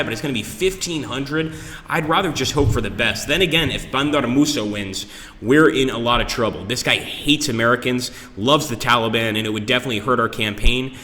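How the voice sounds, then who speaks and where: A man's voice: mid-range voice, bright, forceful tone. A man doing casual live gameplay commentary as a streamer, chatting to his viewers, recorded in an echoey conference room that sounds like a cave. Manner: talks to viewers, greets them by name.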